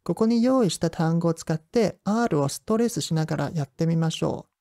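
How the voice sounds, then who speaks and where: A host walks through a pronunciation lesson step by step, pausing to draw out example sounds. The voice is gravelly and warm rather than bright. It is recorded close and dry, with no room sound. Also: medium pitch, no room sound. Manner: calm step-by-step explanation with drawn-out sound demonstrations.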